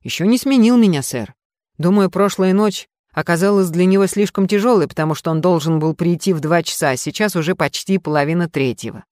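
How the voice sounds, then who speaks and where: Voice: medium pitch, fairly quick, a little mellow, dry recording, clean studio sound, natural voice. An audiobook reader voicing an earnest, deferential young patrolman. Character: dutiful young male patrolman.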